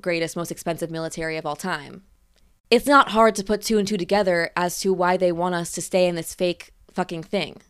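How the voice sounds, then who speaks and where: A young freelancer vents on camera in a casual, rambling monologue, frustrated, laughing between points and a little out of breath. Her voice is lowish, clear and resonant.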